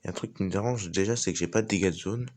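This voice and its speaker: A man's voice: deep voice, rapid-fire, a little mellow. A man giving casual, informal live commentary on a game as he plays, thinking aloud. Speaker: gaming video host.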